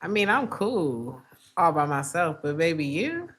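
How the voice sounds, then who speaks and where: A woman with a raspy smoker's voice, chatting casually and playfully as she gives a live tarot reading. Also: deep voice, sing-song, unhurried, fairly bright tone. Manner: playful, breaks into song lyrics and acted asides. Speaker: tarot reader hosting a livestream.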